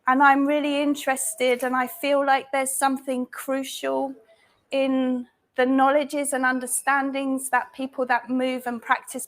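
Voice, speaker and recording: High-voiced woman speaking slowly. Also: a bit bright. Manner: slow, deliberate and hesitant, with many ums. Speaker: dancer and facilitator. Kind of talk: introducing herself on a live panel. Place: live talk event before an audience.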